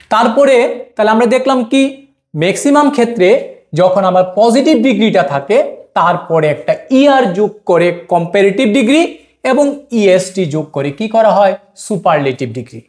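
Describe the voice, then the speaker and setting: A man teaching a grammar lesson. He asks a question and then answers it himself, and he says the example words slowly. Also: high-pitched. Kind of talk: classroom lesson.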